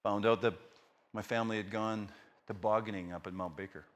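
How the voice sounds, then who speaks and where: A middle-aged man preaching a sermon, telling stories dramatically and swinging from hushed lines to shouts. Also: on the low side, steady tone, brisk.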